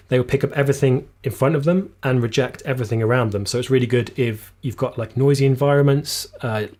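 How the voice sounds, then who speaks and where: The host of a videography channel runs a live Q&A stream, casually explaining gear and reading viewer comments aloud in a darkish voice that's slightly going hoarse. He's recorded in a small room on a shotgun boom mic placed just out of shot.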